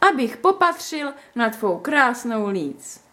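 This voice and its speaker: A woman reading a story aloud, voicing a teasing, mock-gallant young man in her own lively voice. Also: a little high. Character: teasing, cheeky young man, the story's first-person hero.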